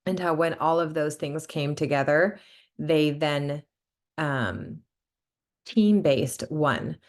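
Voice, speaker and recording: A young woman with a sickly lowered voice, hosting a casual book club chat with lots of filler words. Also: slow. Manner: chatty, many "like" fillers. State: sick, voice lowered.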